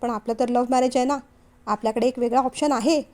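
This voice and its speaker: An outspoken young bride-to-be, frank and uneasy, from an audio novel, read out by a woman. her voice sits high and light. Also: fairly even intonation, fast, darkish tone, close to an everyday voice. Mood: worried. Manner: worried, frank.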